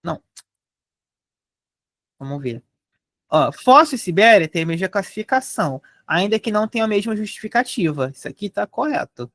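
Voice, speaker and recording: A woman's voice: mid-range voice, sing-song, no room sound. Woman teaching grammar in a dry close sound. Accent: Brazilian Portuguese. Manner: explains step by step, often says "ó", spells out syllables slowly. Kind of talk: live online grammar lesson.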